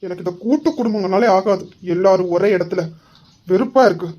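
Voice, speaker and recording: A woman performing a comedy skit at a brisk pace. She talks in a quick, teasing, bickering way. The recording sounds dull and lo-fi. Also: mid-range voice, warm tone. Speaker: sketch actor voicing several young men.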